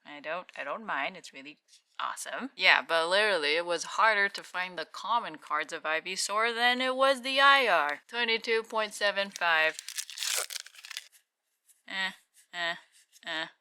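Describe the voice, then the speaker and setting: Woman doing casual pack opening commentary, really bright clear voice, goes from murmuring to louder bursts. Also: fairly low pitch, expressive, measured pace, dry recording. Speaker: trading card pack-opening host.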